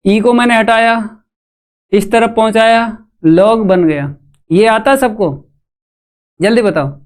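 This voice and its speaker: A man's voice: high voice, slow. A man teaching maths in a live online class, walking students through each step and putting questions to the chat. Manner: calls students "bhai".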